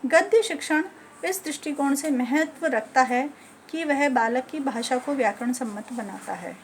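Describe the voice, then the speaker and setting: A woman teacher educator giving a lecture on teaching methods, listing points one by one in a measured way. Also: high-pitched, slight background noise.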